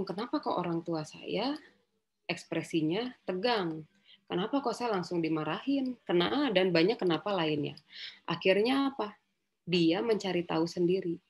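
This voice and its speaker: A woman's voice: fairly low pitch, darkish tone. A woman psychologist giving a casual educational talk, speaking conversationally with fillers and rhetorical questions and acting out quoted dialogue. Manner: acts out quoted dialogue in livelier voices.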